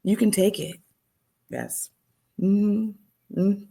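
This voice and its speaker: A middle-aged woman, a podcast guest, telling her testimony in an animated way and acting out the dialogue. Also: mid-range voice, extremely slow, creaky, slightly rough. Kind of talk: storytelling testimony.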